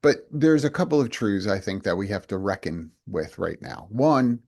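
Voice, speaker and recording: Fairly low-pitched and creaky with a darkish tone, this man talks at a moderate pace with lively intonation. He's a company president on a podcast, chatting casually, earnest and reflective, and often starting sentences over.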